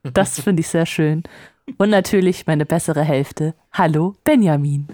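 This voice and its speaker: A woman's voice: low voice, unhurried, warm tone, no echo. Woman hosting casually, dry close sound. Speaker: podcast host. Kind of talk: casual podcast moderation.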